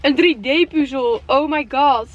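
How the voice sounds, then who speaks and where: A woman in her twenties with a Netherlands Dutch accent, chatting casually and excitably to camera with English slang mixed in. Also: high-pitched, measured pace, muffled recording. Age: 20s. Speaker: vlogger. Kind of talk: casual vlog chat. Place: inside a parked car at night. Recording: faint background noise in car.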